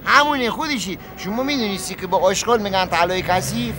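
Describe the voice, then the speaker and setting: Cheeky junk-peddler passenger, high voice, boastful rambling, comic sketch, loud traffic noise behind. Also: male voice, animated. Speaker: taxi passenger. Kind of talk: comic puppet-show acting.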